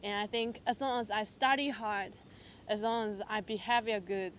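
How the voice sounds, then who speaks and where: A young woman from Taiwan shares her personal testimony as a church member, telling her story hesitantly with plenty of fillers and lively quoted asides. Her voice is mid-range at a normal speed, with a little hiss or hum in the audio.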